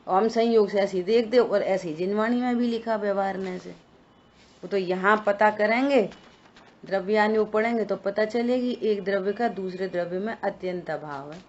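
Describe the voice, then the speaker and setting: A woman's voice: mid-range voice, normal speed, long pauses, a little mellow. A woman teaching a scripture study session, explaining points and answering her own questions. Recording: dull lo-fi recording.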